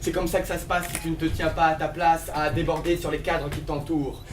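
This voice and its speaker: A man performing an intense slam poem, declaiming forcefully with repeated commands. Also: a little high, little pitch movement, a little fast, a little hiss or hum. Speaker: slam poet. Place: theatre stage. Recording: roomy stage sound from far off.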